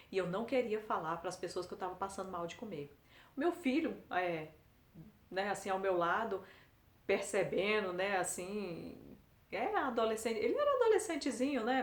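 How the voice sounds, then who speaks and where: Halting middle-aged woman, roomy sound. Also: medium pitch. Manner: halting, hesitant, many restarts. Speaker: testimony speaker. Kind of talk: personal testimony. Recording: roomy echo.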